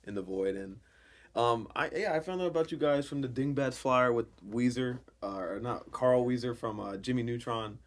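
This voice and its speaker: A man's voice: medium pitch, moderate pace. A young man hosting a casual podcast interview, talking loosely with lots of slang and swearing. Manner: loose, profane slang-heavy talk. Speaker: podcast host.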